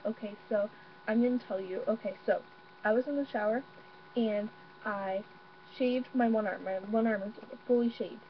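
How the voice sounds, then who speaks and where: A young woman vlogging from her bedroom, excitable and rambling, with lots of fillers. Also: mid-range voice. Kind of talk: casual vlog. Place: bedroom at home. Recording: dull lo-fi webcam audio with faint mains hum.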